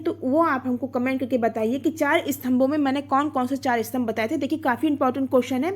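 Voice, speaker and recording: A high-voiced woman teaches an online exam-prep grammar lesson, explaining step by step. She asks her own questions and answers them, sounding out vowels and syllables.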